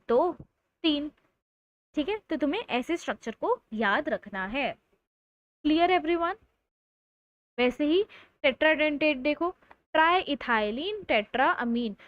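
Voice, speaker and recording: High-voiced playful woman teaching chemistry. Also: lo-fi sound. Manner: playful, teasing students between explanations; stretches out key terms slowly for emphasis. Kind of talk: live online lecture.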